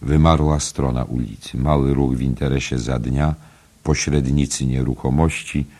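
A man narrating a literary audiobook in a measured, even reading. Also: very deep voice.

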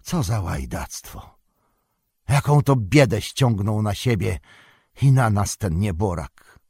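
A stern, commanding old wizard, as a man reading the story puts him on. He speaks low and slowly, with hard, forceful bursts. The sound is dry and close, with no room around it. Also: sing-song, breathy edge, no room sound, heavily acted.

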